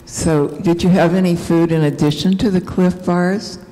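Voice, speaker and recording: A woman with a low voice speaks up from the audience to ask a question. She talks casually, with fillers. Her voice carries a long hall echo. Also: steady tone, moderate pace, warm tone. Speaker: audience member asking a question. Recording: distant echoey hall.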